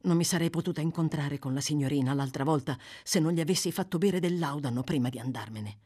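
A woman voicing a frightened young woman of the streets, speaking in an urgent, bitter hush. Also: low-pitched, fast, husky. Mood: tense.

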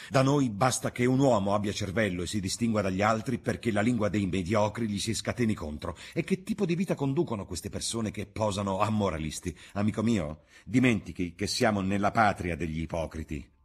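Guy reading a book doing a proud sneering young man, low husky voice. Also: lively intonation, brisk, hardly any pauses. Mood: scornful. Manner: sneering, mocking speech. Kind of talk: audiobook reading.

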